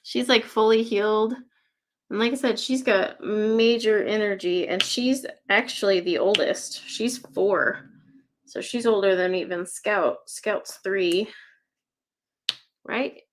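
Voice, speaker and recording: A woman's voice: mid-range voice, fairly even intonation, slow, a little hiss or hum. A woman hosting a casual livestream, chatting loosely while she works on a craft, with lots of "like" and "um" and frequent laughter. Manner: chatty, rambling, laughs often; many fillers like "like" and "um". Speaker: livestream host.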